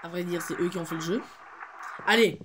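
A man's voice: high-pitched, brisk, noisy background. A teenage boy hosting a video, giving rambling, playful commentary on a game with many hesitations. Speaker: gaming video host. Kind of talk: casual gameplay commentary. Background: game music.

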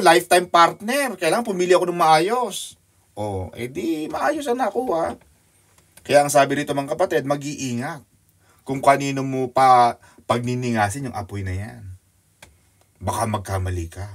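A Filipino-accented man delivers a lively sermon, teasing his listeners and swinging his voice sharply upward to make a point. His pitch sits a little above average for a man, and his delivery keeps bouncing between punchy asides and calmer teaching. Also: moderate pace. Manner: animated, teasing, jumps high in pitch for emphasis. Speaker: pastor.

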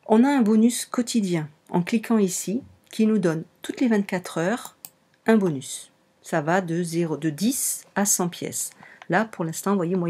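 A low, warm, slightly rough voice belongs to this online game walkthrough presenter, who has a French accent. Over a screen recording, she explains a browser game step by step in a casual tutorial, often repeating or correcting herself along the way.

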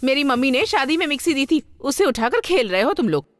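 A woman's voice: high voice, big pitch swings, fairly quick, no room sound. A woman dubbing a fussy middle-aged mother who nags and scolds her son, in a dubbed movie. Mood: nagging. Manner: nagging and scolding. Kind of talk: Hindi movie dub.

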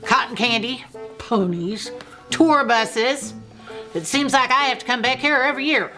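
A woman's voice: on the high side, measured pace, sharp tone, faint music behind. A woman playing a stern, exasperated fairground security worker in a comedy sketch. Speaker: fairground staff.

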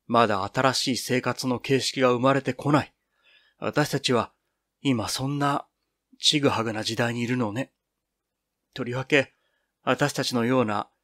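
A man's voice: mid-range voice, fairly bright tone, dry recording, clean studio sound, close to an everyday voice. A man reading the part of a sorrowful young woman student in a storybook reading.

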